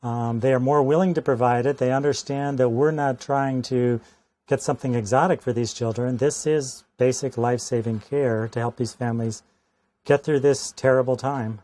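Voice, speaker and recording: An American man, a doctor, gives a personal testimonial in a measured, earnest and articulate way. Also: medium pitch, fairly even intonation, mellow. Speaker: pediatric oncologist.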